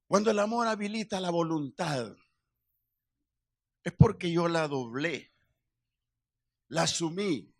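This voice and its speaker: A male pastor with a Salvadoran Spanish accent preaching a sermon at a church service, moving from calm teaching to loud, impassioned preaching. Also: a little high, slow, gravelly, pauses often.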